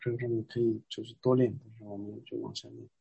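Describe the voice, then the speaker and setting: A man guiding a Buddhist meditation, teaching the practice and reciting prayers in a steady, instructive tone. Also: lowish voice, fast talker, vocal fry, slightly rough, no echo, dull audio.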